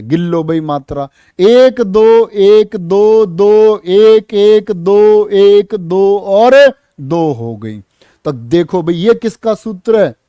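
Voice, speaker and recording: Male teacher, high and mellow, unhurried, quizzes the class and answers himself. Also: no echo, studio quality. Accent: North Indian Hindi. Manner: coaxing, asks pupils questions and answers them himself; counts syllables aloud slowly. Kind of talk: classroom lecture.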